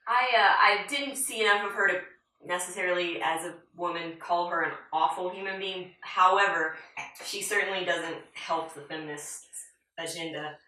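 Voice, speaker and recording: Low, bright-voiced woman in an echoey room. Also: fairly even intonation, moderate pace. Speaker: film review panelist. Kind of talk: casual film discussion. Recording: very echoey room, far from mic.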